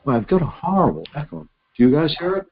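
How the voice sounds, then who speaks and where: A man hosting a casual call-in chat, sounding like he is on a speakerphone, halting with fillers. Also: fairly high pitch, very animated, creaky, phone-quality sound, noisy background. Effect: sounds like a speakerphone with echo. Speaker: call-in show host.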